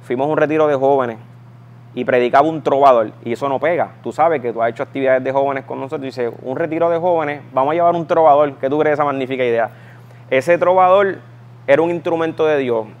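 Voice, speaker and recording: A man's voice: mid-range voice, quick pace, highs cut off. A man in his thirties with a Puerto Rican Spanish accent, telling his personal conversion story in an emphatic, storytelling way. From Puerto Rico. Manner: storytelling, emphatic, acts out voices in quotes. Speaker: guest giving a testimony.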